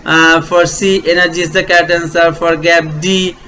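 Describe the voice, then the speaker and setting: A man with a Bangladeshi English accent teaching an online English lesson, explaining slowly and repeating answers step by step with fillers, over faint room hiss. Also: on the high side, little pitch movement, pushed and bright, highs cut off.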